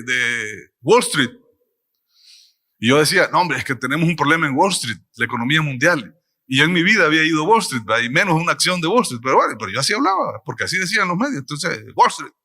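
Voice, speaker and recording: Brief: middle-aged male preacher, bright and ringing voice, storytelling sermon. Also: fairly high pitch. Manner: animated storytelling, acts out his own quotes; addresses the audience with frequent ¿verdad?. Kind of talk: testimonial sermon.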